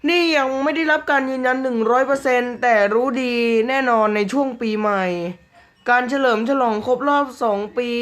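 A man chatting casually through mobile game news, joking around and reading out English slowly word by word. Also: very high voice, a bit bright. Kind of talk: casual commentary.

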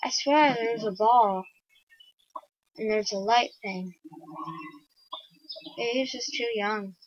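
A woman chats softly to herself while she plays a video game, taking her time with each thought. The recording is dull and lo-fi, dry and close. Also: a little high, slow pace, breathy edge, no room sound. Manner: quiet, musing, thinking aloud. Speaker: gamer. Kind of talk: casual game commentary.

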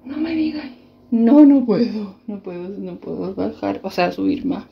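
A woman's voice: medium pitch, expressive, a little slow, gravelly, muffled recording. A Chilean woman chatting casually to her viewers in a home cooking vlog from her kitchen. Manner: chatty, addresses viewers directly and often. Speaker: vlogger.

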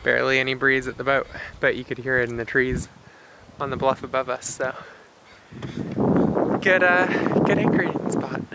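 A woman in her thirties with a very deep voice speaks at a moderate pace, giving relaxed, filler-heavy explanations in her sailing vlog. She's filming on a sailboat on open water with a handheld camera at arm's length. The audio is poor, with loud wind noise on the mic and wind and water in the background.

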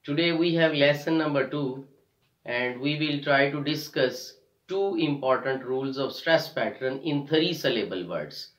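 A man teaching an English lesson, explaining syllable stress and spelling out letters while slowly repeating example words. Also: mid-range voice, expressive, roomy sound, low-quality recording. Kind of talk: classroom lesson on word stress.

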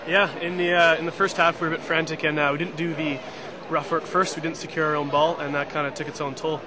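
A young man in his twenties, a team captain, answering post-match questions in a quick, easygoing way with a joke or two. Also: a little high, flat delivery. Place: outdoor stadium, post-match. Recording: loud crowd noise behind.

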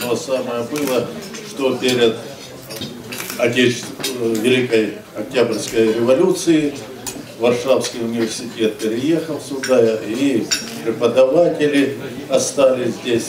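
An older man delivering a formal ceremonial speech as an official, with measured, oratorical phrasing. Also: medium pitch. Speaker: regional government official. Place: large indoor stage at a banquet. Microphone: far camera recording amplified speech. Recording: echoey hall from far off, crowd noise.

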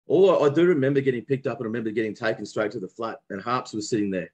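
A man's voice: mid-range voice, rapid-fire, husky, dull audio. A young adult man from Brisbane with an Australian accent, chatting casually as a podcast guest and telling stories with friendly slang and plenty of restarts. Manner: relaxed storytelling with mateship slang and many restarts. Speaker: guest, former professional cricketer.

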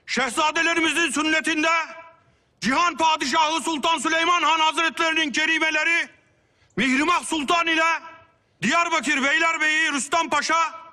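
A man's voice: very high-pitched, steady tone, exaggerated voice. A middle-aged man acting as an Ottoman town crier, calling out formal proclamations in a period drama. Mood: solemn proclaiming. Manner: town crier's loud, drawn-out public proclamation.

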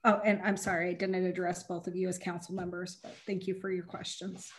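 A woman on city staff answering council questions over a video call, halting and apologetic, with many "um"s. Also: on the low side, level tone, slight background noise.

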